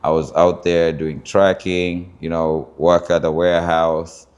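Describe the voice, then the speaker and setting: A man from Kenya with a Kenyan accent, telling his life story in an interview and often pausing with fillers as he searches for words. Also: low voice, little pitch movement, darkish tone, smooth. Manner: thoughtful, searching for words with many pauses and fillers. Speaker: interview guest, founder of a culture group.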